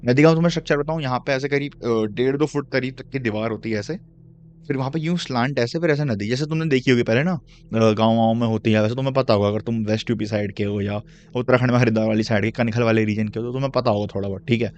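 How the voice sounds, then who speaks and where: A man's voice: mid-range voice, quick pace, darkish tone. A young man telling a true horror story in a casual, chatty way, mixing in English slang and turning to the listener with asides. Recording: dull lo-fi recording.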